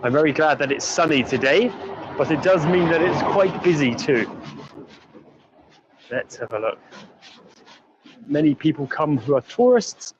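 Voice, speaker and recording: A man with an English accent, leading a live-streamed walking tour outdoors on busy city streets. He speaks in a friendly way, explains words slowly and reads out viewer comments. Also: on the high side, animated, highs cut off, noisy background. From England.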